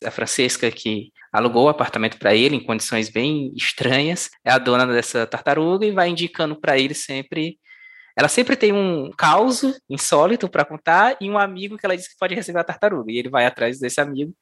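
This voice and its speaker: Interviewer, chatty and giggly, mid-pitched voice, asks long meandering questions. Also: fairly quick, fairly bright tone. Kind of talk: conversational book interview.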